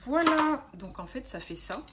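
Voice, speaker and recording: A woman's voice: mid-range voice, moderate pace, very noisy. A young adult woman chatting casually as a beauty vlogger, talking in a chatty, hesitant way with frequent fillers and restarts. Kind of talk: casual haul chat.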